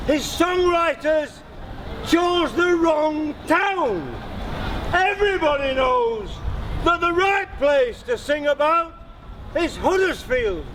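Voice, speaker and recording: A man calling out a formal town crier's proclamation in short, emphatic, declamatory bursts outdoors. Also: very high voice. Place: outdoor public space in a town. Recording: noisy outdoor recording with crowd.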